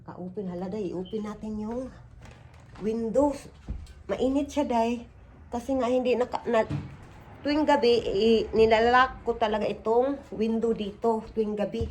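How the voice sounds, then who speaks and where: Visayan woman vlogger, home chores, fairly high voice, phone audio with clear household noise behind. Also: moderate pace, darkish tone. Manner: chatty, talks to viewers as "day" and "mga inday". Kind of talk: casual home vlog chat. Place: home kitchen and porch, indoors. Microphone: handheld phone.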